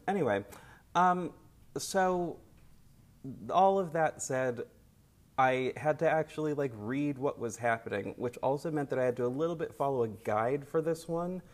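A man hosting a podcast in casual chat, recorded at his workplace instead of his studio, so the audio is lower quality and a little echoey. He rambles with lots of fillers and restarts. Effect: lower-quality, slightly echoey recording. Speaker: podcast host.

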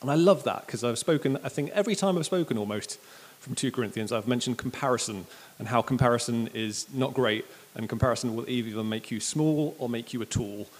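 Male preacher, relaxed and joking, sermon style, church reverb. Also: mid-range voice, fairly quick. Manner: casual, chatty and animated, with jokes and acted quotes.

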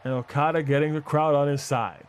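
A man's voice: fairly high pitch, fairly even intonation, brisk. A man working as a wrestling commentator, calling live play-by-play in short, clipped phrases. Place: large arena event with live audience.

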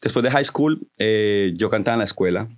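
A man's voice: on the low side, brisk. A man who grew up in the United States, chatting as a podcast guest and telling his story, slipping English phrases into his Spanish. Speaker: podcast guest, company founder. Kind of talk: casual storytelling interview.

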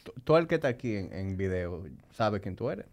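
A man's voice: on the low side, sing-song, a little fast. A man with a Dominican Spanish accent chatting casually. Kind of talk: casual chat.

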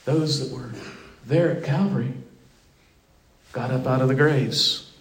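A man's voice: mid-range voice, measured pace, reverberant, distant mic, low-quality recording. A man preaching a sermon in a church, building to emphatic, fervent declarations. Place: church sanctuary.

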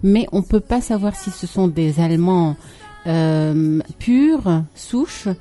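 A woman's voice: lowish voice, animated, slow pace, dark tone, faint music behind. A woman from Lebanon co-hosting a casual talk segment, chatty, with frequent fillers and laughs. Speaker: co-host. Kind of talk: casual studio chat.

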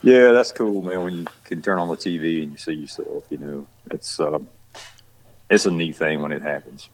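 The audio is poor, but his rumbling low voice comes through at a moderate pace. He's a Georgia-born actor with a Southern country accent, guesting on a podcast and chatting casually, rambling, restarting, repeating himself, and often saying "you know."

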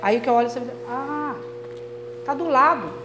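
A woman's voice: high-pitched, normal speed, reverberant, background noise. A Brazilian Portuguese woman preaching a sermon and telling a heartfelt testimony to her congregation. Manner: emotional, addressing the congregation as brothers. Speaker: church preacher.

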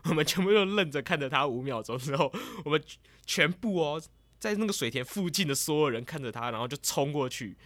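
A man casually retelling a dream in a rambling, lively way as a vlogger. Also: a little high, brisk, dry recording. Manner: rambling and lively, grows excited as the story goes on.

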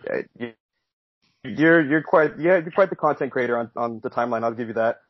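A man who is a podcast guest in casual chat, quick and hedging as he talks. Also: medium pitch, no echo, muffled recording.

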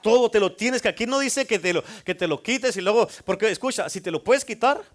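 High-voiced preaching man. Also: animated, a little fast. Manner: call-and-response preaching, asks congregation for amens. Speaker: pastor. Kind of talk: sermon.

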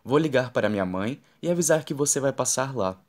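A man's voice: mid-range voice, expressive, brisk, close to an everyday voice. A man voicing a young woman and mother in an audiobook, speaking her lines in his own plain reading voice. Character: young woman, mother, first-person heroine.

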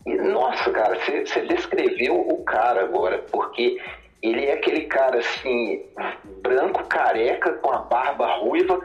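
A man's voice: mid-range voice, expressive, unhurried. A man rambles through a story over the phone, heavy with fillers. His voice comes down a muffled, lo-fi line with a hollow, echoey ring, and faint music sits behind him. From Minas Gerais, Brazil. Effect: heard over the phone. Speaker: caller. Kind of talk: casual storytelling.

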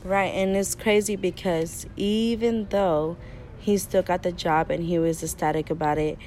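A young woman leading a class discussion about a film, steady and posing questions to her partner. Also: fairly low pitch, unhurried, a little hiss or hum. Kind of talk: discussion presentation.

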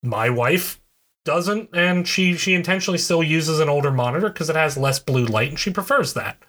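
Bright-voiced man explaining at length. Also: fairly high pitch, lively intonation, moderate pace. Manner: explanatory, digressive, many restarts. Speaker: podcast co-host. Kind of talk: casual chat.

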